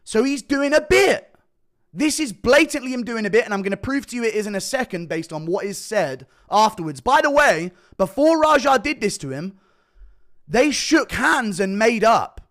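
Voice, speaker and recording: A man's voice: high-pitched, animated, normal speed, a bit bright. A man giving emphatic, profane reaction commentary on a video clip, repeating quoted lines as he goes.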